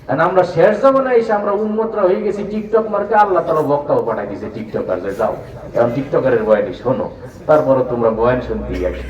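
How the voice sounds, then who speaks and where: A man preaching a sermon in a lively, rising and falling cadence. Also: fairly high pitch. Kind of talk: Islamic sermon. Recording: roomy, distant, dull sound.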